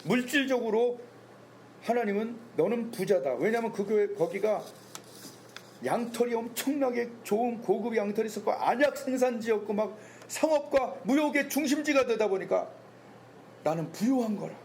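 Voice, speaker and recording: A man's voice: very high-pitched, moderate pace, a little mellow, slight background noise. A male senior pastor preaching a Sunday sermon, firing rhetorical questions and reading scripture aloud. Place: church sanctuary.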